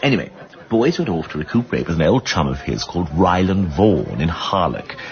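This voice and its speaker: In a British radio drama, an actor voices an insistent, well-bred amateur detective, with an upper-class English accent and plummy, dry wit. He speaks briskly in a low, very animated male voice, recounting things earnestly. The sound is lo-fi, with a faint crowd in the background.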